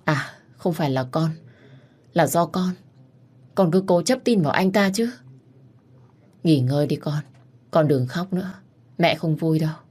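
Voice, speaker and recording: A woman voicing a weary, grieving older father who speaks gently and with resignation, in a storybook reading. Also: low-pitched, unhurried, pauses often, slightly rough.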